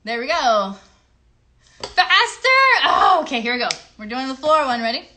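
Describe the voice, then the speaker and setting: Talking directly to kids, this children's show host leads playful instructions and a singalong, full of encouragement. She sits high in pitch, sounding animated, pushed and bright at a moderate pace. The livestream carries clear background noise.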